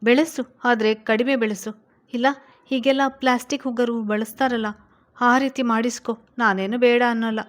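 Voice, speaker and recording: A stern young businessman husband, as a woman reads him aloud, scolds his wife harshly in a storybook reading. The voice runs a little louder than the narration. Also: a little high, fairly even intonation, moderate pace, lightly acted. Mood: stern scolding.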